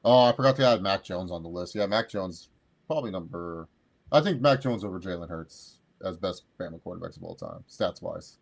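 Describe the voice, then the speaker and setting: A man in his thirties co-hosts a sports podcast, rambling casually with crude jokes and constantly interrupting himself to restart. His voice is low-pitched and gravelly, brisk, with lively intonation.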